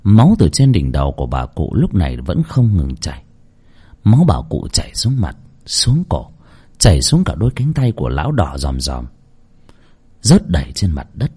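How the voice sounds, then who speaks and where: A man's voice: on the low side, dark tone, breathy edge. A man narrating a grim story in a dramatic, grave manner.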